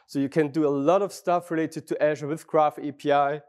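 A man from Austria speaks with a German accent, his voice sitting fairly high for a man. He gives a friendly, chatty technical talk in a large conference hall, restarting his sentences and throwing questions to the crowd. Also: fairly even intonation, fairly quick, darkish tone.

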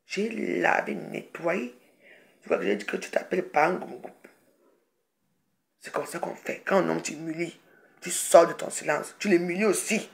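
A woman telling a rambling, animated story on a casual live video, full of restarts and asides. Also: lowish voice, creaky. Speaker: social media personality.

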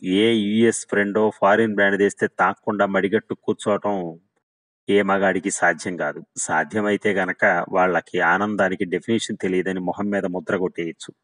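A man's voice: deep voice, little pitch movement, normal speed, a bit bright, poor audio. A man voicing a boastful, flippant young man who talks with swagger. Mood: boasting. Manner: swaggering, teasing.

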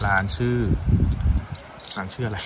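A man giving casual, chatty travel commentary outdoors by a mountain river, thinking aloud as he walks and tastes food. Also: a little slow. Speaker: travel vlogger. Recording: loud outdoor background noise.

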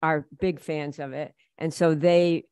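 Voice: mid-range voice, fairly even intonation, measured pace, a little mellow, smooth, no echo, studio quality. A councilor speaking at a council meeting, hesitant and full of ums. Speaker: city councilor. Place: city council chamber. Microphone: table microphone.

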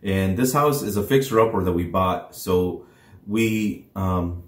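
A man in his thirties chatting casually to camera as a co-host, in a hesitant, halting way. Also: deep voice. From Chicago, US. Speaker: food review co-host and channel presenter. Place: indoors, small room on a sofa. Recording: echoey room sound.

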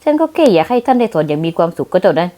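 A woman's voice: on the low side, big pitch swings, rapid-fire, dark tone, pitched below the performer's own voice. A woman voicing a cocky young male company boss who teases with a smug manner, in a manga dub. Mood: smug teasing. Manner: smug, teasing.

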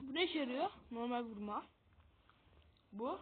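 A woman giving casual gameplay commentary, excitable and self-mocking about her own losing. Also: fairly high pitch, measured pace, slightly rough. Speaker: gamer. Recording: tinny phone-like audio.

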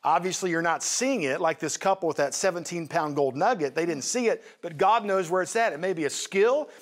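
Animated man teaching on a show. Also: high-pitched, brisk. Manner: animated, acts out Bible voices. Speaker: host and teacher.

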